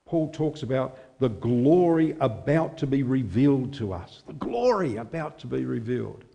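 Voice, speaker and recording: A man in his sixties preaching a sermon in a small chapel at a lectern microphone, measured and expressive. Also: medium pitch, creaky, lo-fi sound. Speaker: chaplain preaching.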